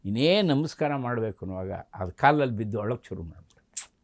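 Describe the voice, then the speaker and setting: Animated man telling devotional stories. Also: mid-range voice, quick pace. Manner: animated, acting out the story's voices. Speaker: religious scholar guest. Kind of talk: devotional storytelling discourse.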